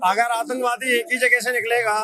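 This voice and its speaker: Forceful high-voiced man lecturing. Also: level tone, moderate pace. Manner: forceful, lecturing, rhetorical questions. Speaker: debater in street crowd. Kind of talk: heated street debate. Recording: loud crowd around.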